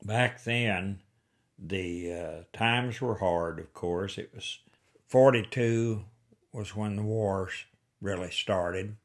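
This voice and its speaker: An interviewee in his eighties from the rural Missouri Ozarks in the United States reminisces for an oral history. He has an Ozark Appalachian-style accent and tells stories in a folksy, plain-spoken way, in a fairly low voice at a slow pace.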